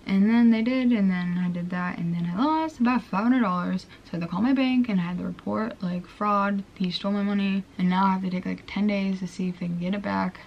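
A woman's voice: mid-range voice, brisk, gravelly, hardly any pauses, lo-fi sound. A young woman from Minnesota casually telling a vlog story in her bedroom, full of "like" and self-mocking upset. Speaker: vlogger.

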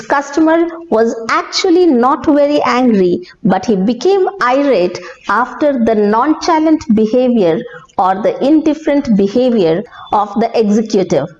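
A woman's voice: on the high side, a little mellow. A woman with an Indian accent explaining communication skills to camera as a presenter. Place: bare small office, seated. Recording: echoey room, dull sound, faint noise.

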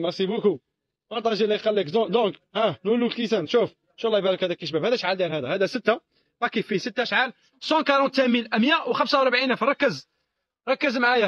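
A man with an Algerian Arabic accent working as a shop salesman, pitching products in a repetitive, insistent patter full of exclamations. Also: a bit bright, no room sound. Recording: dull lo-fi recording.

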